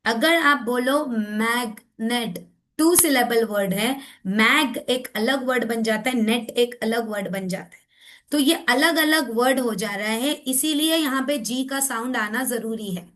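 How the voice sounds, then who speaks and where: A woman phonics teacher explains spelling rules in an unhurried lecture. Her voice sits a little high, and she says each example word slowly and deliberately. She keeps asking whether the concept is clear. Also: a bit bright. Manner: mixes Hindi and English, repeats and checks understanding. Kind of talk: classroom-style lecture.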